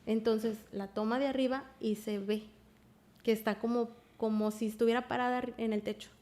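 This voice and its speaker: A woman, a podcast guest telling a story casually, often trailing off quietly. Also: a little high, steady tone, fairly quick.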